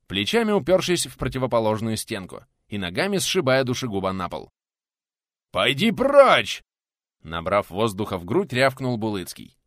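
Male audiobook narrator, dramatic steady read, animated delivery, dry. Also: medium pitch, dry recording.

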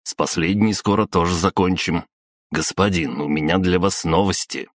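A man's voice: low voice, moderate pace, no echo, studio quality. A man voicing a serious, loyal male assistant, a former taxi driver, who speaks in a restrained and businesslike way in an audiobook. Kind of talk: audiobook character voice.

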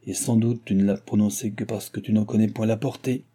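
A man reading a stern male president of a secret society in an audiobook, giving orders in a low, very dark, husky voice. Each command comes out solemn and weighty. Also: steady tone, a little fast.

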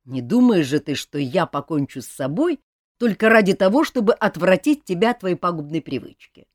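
A woman's voice: lowish voice, sing-song, normal speed, no room sound, studio quality. A woman reading an audiobook, voicing a sardonic young king who needles his cousin dryly and insistently.

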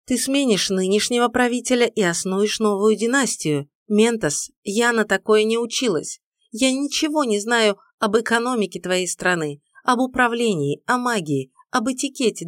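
A woman's voice: fairly high pitch, expressive, normal speed, no room sound, studio quality, pitched above the performer's own voice, lightly acted. A woman voicing a young orphan heroine, agitated and pleading in tense outbursts. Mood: indignant.

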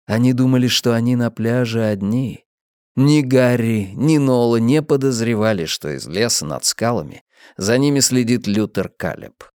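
Male audiobook narrator, measured, steady, mid pitch, dry close recording. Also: clean tone, no room sound. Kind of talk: scripted narration. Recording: dry close studio sound.

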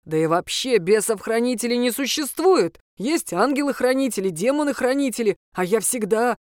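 A woman's voice: a little high, lively intonation, slow pace, dry recording, studio quality, pitched above the performer's own voice. A woman voicing an indignant, complaining male imp with a raised voice. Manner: aggrieved, complaining. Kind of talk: audiobook character voice.

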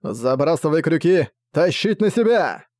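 A man's voice: on the high side, a little fast, darkish tone, no room sound, lightly acted. A man voicing a determined young prince who speaks in an earnest, resolute way. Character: determined young prince fighting his brother.

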